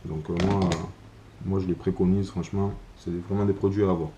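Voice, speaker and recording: A man giving an informal explainer vlog about gear, speaking in a halting, hesitant way. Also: low voice, flat delivery, dark tone, slight background noise. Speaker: video creator presenting survival gear.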